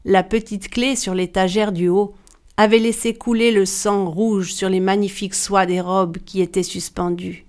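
A woman narrating a dark fairy tale in a measured, dramatic storytelling manner. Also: mid-range voice, little pitch movement.

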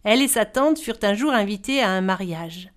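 A woman reading a fairy tale aloud as storyteller, expressive and varied in delivery. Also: mid-range voice, brisk.

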